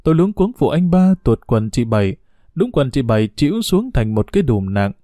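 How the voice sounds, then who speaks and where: A man narrating a story in a calm, measured reading. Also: mid-range voice, dry recording, studio quality. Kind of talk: audiobook storytelling.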